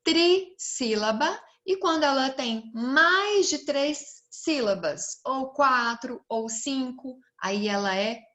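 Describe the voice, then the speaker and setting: Slow-spoken Brazilian woman teacher. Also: sits high, lively intonation, fairly bright tone. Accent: Brazilian Portuguese. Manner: slow, stretched-out words and questions to the pupils. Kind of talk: recorded class lesson for children.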